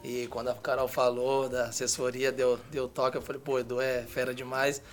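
A man's voice: mid-range voice, little pitch movement, fairly quick, soft background music. A Brazilian man chatting casually as a guest on a talk show. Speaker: guest, professional footballer. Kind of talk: casual chat.

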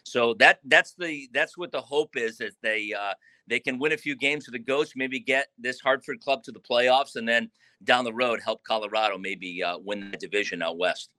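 A man, a baseball manager, answering interview questions in a relaxed, rambling way, often restarting sentences. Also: medium pitch, normal speed, no room sound.

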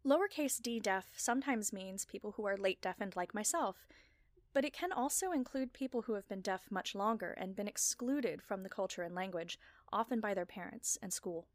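Speaking with animation at a medium pitch, this woman podcaster delivers a scripted personal talk. Her wording is careful and articulate, with emphasis placed deliberately, and the recording is dry.

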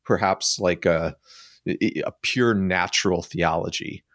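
Low-voiced guy explaining stuff, lots of likes and ums, dry close sound. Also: slow pace, a bit bright, no echo. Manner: thoughtful, explanatory, frequent filler words. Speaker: podcast guest. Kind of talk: casual conversational discussion.

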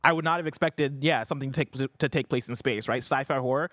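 A man's voice: medium pitch, quick pace, fairly bright tone, dry recording, clean studio sound. A man hosting a show, moving between casual chat and reading news with an enthusiastic manner. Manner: enthusiastic, sweary. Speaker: show host.

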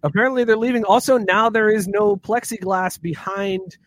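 A man's voice: sits high, steady tone, normal speed, a bit bright, no room sound, clean studio sound. A man hosting a casual sports podcast, joking and laughing often as he leads the topics. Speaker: podcast host.

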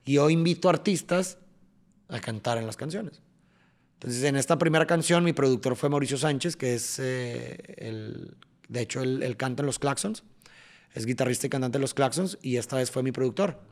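A man's voice: mid-range voice, moderate pace. A man with a Mexican accent, a podcast guest explaining his songwriting eagerly, often restarting and tapping out rhythms. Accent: Mexican Spanish. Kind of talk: casual interview chat.

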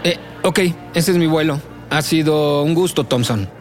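A man's voice: on the high side, moderate pace, soft background music, natural voice. A man acting in an audio drama as an anxious, polite, imaginative writer.

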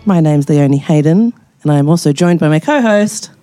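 A woman's voice: low voice, expressive, brisk, dark tone, no room sound. A woman with a New Zealand accent giving a podcast welcome as co-host. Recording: music behind the voice.

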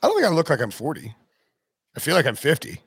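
A man's voice: fairly high pitch, wildly swooping pitch, fast, breathy edge, dry recording, studio quality. A man in his forties hosting a casual sports podcast, joking and teasing his co-host. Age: 40s.

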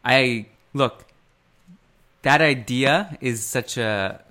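A man hosts a sports podcast in a casual, discussion-based style, speaking in a measured way and pausing mid-phrase as he works through his thinking. His voice is medium in pitch, pushed and bright.

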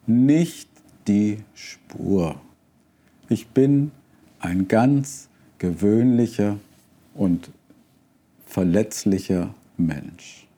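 A man voicing a frightened little old male wizard who is a fraud, speaking in a trembling, pleading, hushed way in a storybook reading. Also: on the low side, extremely slow, long pauses, full character voice.

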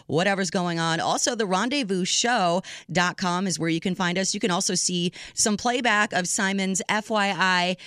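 A woman's voice: fairly low pitch, normal speed, few pauses, a bit bright, dry recording, clean studio sound. A woman co-hosting a radio show in casual banter, with a gushing, encouraging manner.

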